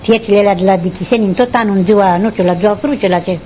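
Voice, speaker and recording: An older woman, recalling her past in a rambling, halting way during an interview. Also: medium pitch, a little hiss or hum. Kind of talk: oral history recollection. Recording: dull lo-fi recording.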